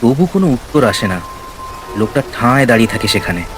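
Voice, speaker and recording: Very animated and brisk, a medium-pitched male narrator tells a scripted horror story in a storytelling manner. The background is noisy, filled with rain sound effects and ambience.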